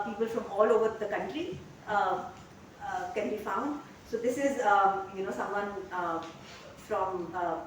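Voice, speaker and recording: A woman's voice: medium pitch, slight background noise. A woman giving a university literature lecture, hesitant, with many fillers and restarts. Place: classroom. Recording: echoey room, far from the mic.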